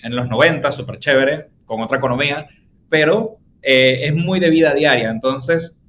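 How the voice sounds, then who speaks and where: The podcast host here is a man with a Venezuelan Spanish accent who chats casually and illustrates his points with long, everyday examples. His mid-range voice is a bit bright and moves at a moderate pace, over slight background noise.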